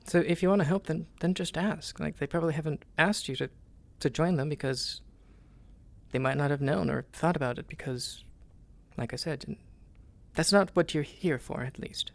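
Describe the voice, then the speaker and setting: A man talking casually in character during an online roleplay, halting and repeating words as he restarts. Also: on the high side, creaky.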